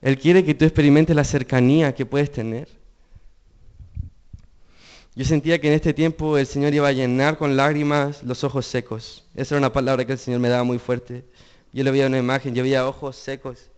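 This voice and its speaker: Earnest young man preaching, smooth voice. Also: medium pitch, little pitch movement, brisk, darkish tone. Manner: earnest, with rhetorical questions to the congregation. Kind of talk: sermon.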